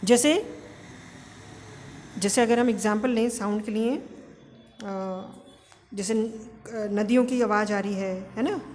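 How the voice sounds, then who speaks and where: A woman's voice: mid-range voice, steady tone, slow pace, long pauses, a little mellow, a little hiss or hum. Hindi-English mixing woman lecturer in an echoey room. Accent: Indian English. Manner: explains step by step, asks and answers own questions. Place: classroom.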